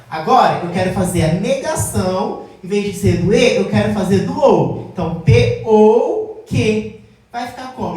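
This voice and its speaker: A woman teacher explaining logic at a whiteboard, often checking in with the class and slowing down to stress key terms. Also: mid-range voice, a little mellow. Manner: addresses class as "gente", checks with "tá?"; slows down to stress key words. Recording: very echoey room, mic far off.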